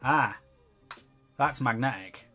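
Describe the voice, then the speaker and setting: Soft music plays behind a young tech reviewer who has a cold and sounds nasal. His medium-pitched voice is slow yet bright and forceful as he rambles through a casual product review at a home desk next to a busy street, full of fillers and restarts.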